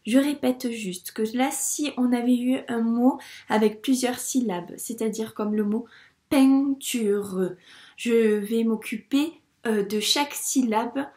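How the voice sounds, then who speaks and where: A woman's voice: fairly high pitch, mellow. Patient woman teacher, echoey room. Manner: patient, encouraging, spells out each step. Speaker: primary school teacher. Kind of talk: lesson for young children.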